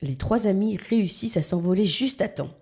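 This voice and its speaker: A woman narrating a children's story in a calm, even storytelling manner. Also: medium pitch, brisk, husky.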